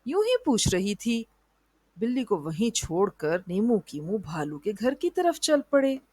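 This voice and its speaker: A woman narrating a children's moral story in an even storybook reading style. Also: a little high, slightly rough, dry recording, studio quality.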